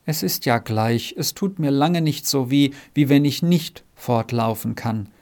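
Guy reading a sad homesick boy in a storybook, gravelly, kinda groaning and hopeless. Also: medium pitch, measured pace, a little mellow, close to an everyday voice. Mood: miserable. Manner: groaning, despairing. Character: homesick young boy, miserable and stubborn.

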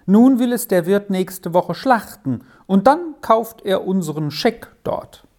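A woman's voice: medium pitch, animated, takes it slowly, a little mellow, voice pushed up. A woman voicing a cocky, scheming young herd boy in a storybook reading, talking in a brash, coaxing, sly way.

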